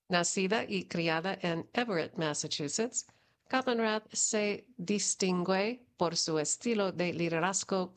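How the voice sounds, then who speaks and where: A woman reads community news at an unhurried, deliberate pace. Her delivery is steady and measured, each item read out plainly as prepared copy. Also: lowish voice. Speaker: news reader.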